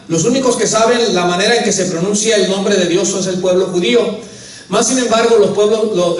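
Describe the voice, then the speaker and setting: A man preaching a sermon as pastor, earnest and emphatic, calling the congregation "brother". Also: high voice. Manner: earnest preaching, repeats "hermano", rises to emphatic peaks. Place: church sanctuary. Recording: echoey church hall, mic at a distance.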